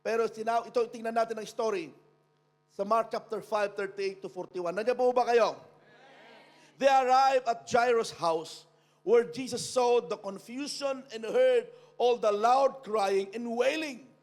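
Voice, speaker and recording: A man with a Filipino accent preaching a sermon as a pastor, mixing Tagalog and English and rising to shouts. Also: very high voice, unhurried. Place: church.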